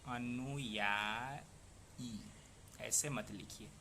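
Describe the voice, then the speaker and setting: A man teaching Hindi speaks extremely slowly in a mid-range voice that is pushed and bright, with slight background noise. His lesson covers pronunciation and spelling, and he explains patiently, repeats words aloud, and asks the listener rhetorical questions.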